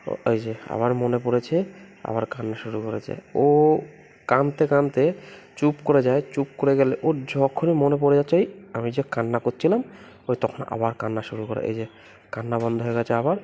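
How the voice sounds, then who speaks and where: A man filming his baby at home on a phone and talking gently through it in a casual vlog, repeating himself as he describes what the baby does. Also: mid-range voice, fairly even intonation, normal speed. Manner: gentle, repetitive running commentary, coos to the baby. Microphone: phone camera.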